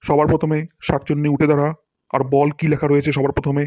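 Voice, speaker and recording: A man's voice: a little high, completely flat delivery, fast, no room sound, highs cut off, lightly acted. A man playing a pompous scolding cartoon teacher. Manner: pompous, scolding, theatrical demonstrations of words. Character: boastful, scolding male English teacher. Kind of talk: cartoon voice acting.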